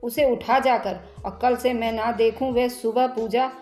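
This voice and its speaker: A woman's voice: a little high, fairly even intonation, unhurried, darkish tone, echoey room, faint music behind, natural voice. A woman voicing a stern older father-in-law who scolds harshly. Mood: angry scolding.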